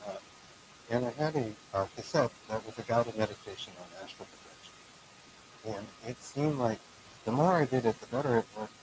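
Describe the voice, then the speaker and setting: A man's voice: medium pitch, moderate pace. A man hosting a casual interview, chatting with his guest in a muffled-sounding voice. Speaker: show host interviewing a guest. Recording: muffled audio with clear hiss and noise.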